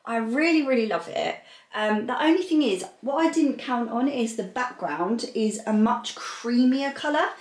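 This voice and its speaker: A woman's voice: on the high side, animated, moderate pace. Chatty woman vlogging at home. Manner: chatty, rambling, many fillers. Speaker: lifestyle vlogger. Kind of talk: casual vlog chat. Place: indoors at home.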